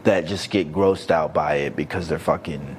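A man's voice: very deep voice, steady tone, moderate pace. Casting: male co-host, slangy and jokey, loose conversational banter, noticeable noise behind. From Detroit, United States. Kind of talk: casual banter, frank chat.

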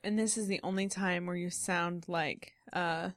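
A woman's voice: fairly low pitch, fairly even intonation, measured pace, no room sound. A woman co-hosting a casual chat podcast, joking and teasing her co-host in easy banter.

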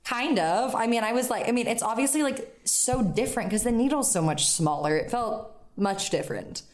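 A woman in her twenties, a podcast co-host, telling a story in casual chat, animated and swearing casually. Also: fairly high pitch, moderate pace.

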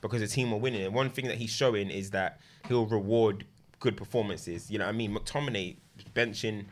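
A man's voice: lowish voice, brisk. A man with a London accent in casual sports chat, talking in roadman slang and repeating phrases for emphasis. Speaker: regular sports pundit.

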